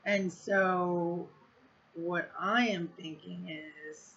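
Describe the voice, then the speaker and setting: A woman talks straight to camera in a loose storytime vlog, rambling through fillers and swearing bluntly. Her voice is bright and sharp-edged. The recording sounds a little dull and lo-fi. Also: lowish voice, fairly even intonation, drawn-out words, vocal fry. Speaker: vlogger.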